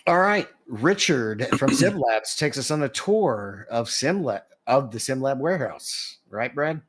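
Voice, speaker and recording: A man hosting a casual podcast, moving the talk along briskly. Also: mid-range voice, expressive. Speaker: podcast host. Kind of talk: casual chat.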